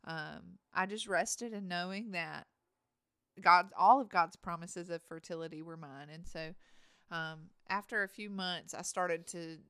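A woman, softly and reflectively sharing a faith testimony. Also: lowish voice, unhurried, clear, resonant tone, no room sound, studio quality.

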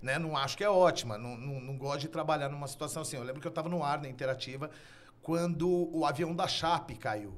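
A man with a Brazilian accent hosts a casual podcast, telling stories in a relaxed, conversational way. His voice sits a little high for a man. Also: fast talker. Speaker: podcast host.

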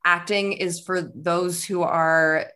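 A woman's voice: fairly low pitch, steady tone, takes it slowly, sharp tone. A woman co-hosting a podcast in casual chat, talking at length and laughing easily. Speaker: podcast co-host.

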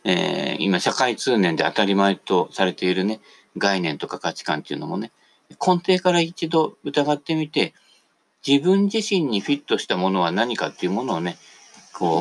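A man's voice: fairly low pitch, big pitch swings, normal speed. A man hosting a casual radio talk monologue, chatty and digressive, tagging the ends of his phrases. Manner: digressive, jumps between topics.

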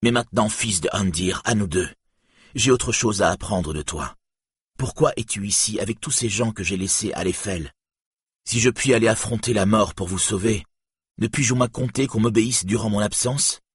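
Man playing a storybook warrior hero, commanding, raised husky voice, dry read. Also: on the low side, normal speed, dry recording. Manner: commanding, wrathful. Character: grim hero warrior, proud and wrathful.

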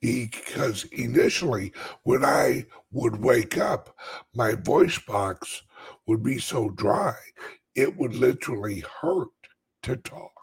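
A man with a dry, scratchy voice like a smoker's rasp, chatting casually and haltingly to his viewers in a rambling way. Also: medium pitch, lively intonation. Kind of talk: casual live chat.

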